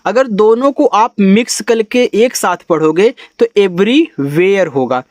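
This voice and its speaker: High-voiced man teaching English spelling. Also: lively intonation, a little slow, darkish tone, no echo. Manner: spells words letter by letter, then explains the sounds step by step. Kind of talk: spoken lesson on reading English words.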